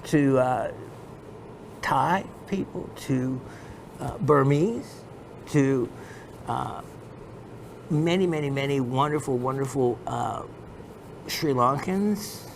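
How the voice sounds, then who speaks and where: A man's voice: mid-range voice, slow pace, gravelly, long pauses, noisy background. A man hosting a gemstone shopping show, giving a meandering educational sales talk full of fillers and restarts.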